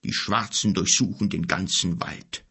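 A man voicing an old, bent and sorrowful king who speaks gravely and with bitterness in a storybook reading. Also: sits low, fairly even intonation, pushed and bright, heavily acted. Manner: grave, bitter, measured speech.

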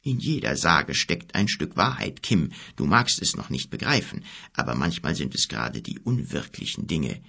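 A man voicing an old, weary wizard in an audiobook, speaking slowly and low, sometimes half in a whisper, with a husky, gravelly voice. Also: sing-song, heavily acted. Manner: slow, low and hushed, half-whispered at times. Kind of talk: audiobook character reading.

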